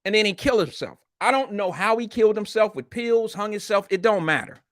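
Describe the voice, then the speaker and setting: A man with a fairly high voice hosts a casual livestream. He speaks with a retainer in his mouth, in blunt, slangy and profane chat aimed at his viewers. The sound is dry, with hardly any room on it. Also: lively intonation, fairly quick, no echo. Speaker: live show host.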